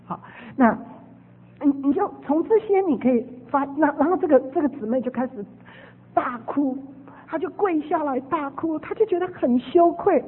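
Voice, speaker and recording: A woman preacher telling a testimony as a storytelling sermon, animated and repeating her phrases. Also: high-pitched, normal speed. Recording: phone-like radio broadcast with long reverb.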